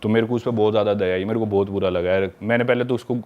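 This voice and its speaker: A young adult man casually telling a long travel anecdote in a podcast chat, chatty and animated. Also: lowish voice, rapid-fire, narrow, tinny audio. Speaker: travel vlogger telling a story.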